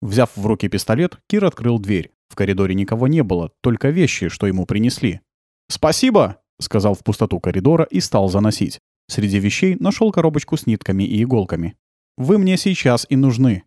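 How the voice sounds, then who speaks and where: A man narrating an audiobook in a calm, even storytelling manner. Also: fairly low pitch, fast talker, no room sound, clean studio sound.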